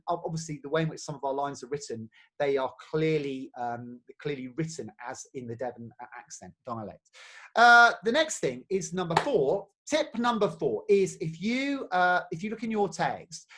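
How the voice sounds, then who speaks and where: A man's voice: fairly high pitch, animated, moderate pace, a bit bright. Chatty English man leading an acting workshop. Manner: chatty, many fillers and restarts, laughs easily. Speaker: theatre workshop leader. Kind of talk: casual acting workshop talk.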